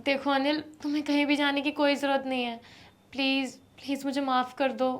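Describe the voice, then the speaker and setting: An actress playing a quick-tempered young woman arguing with her live-in partner, sharp and scolding. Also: very high-pitched. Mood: pleading. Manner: sharp, scolding, turns to pleading. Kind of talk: scripted short-film acting.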